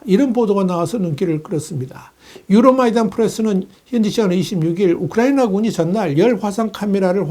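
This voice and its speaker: A man delivering a steady, measured news analysis, reading reports with the occasional filler. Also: high-pitched. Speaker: news commentator.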